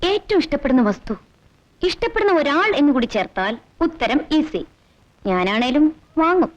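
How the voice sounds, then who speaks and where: A sassy young woman in an old film scene who teases and lectures her friend. Her high voice swoops up and down with lively, mocking playfulness. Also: moderate pace, dull audio. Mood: teasing. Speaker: teasing female friend. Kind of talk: 1980s film dialogue.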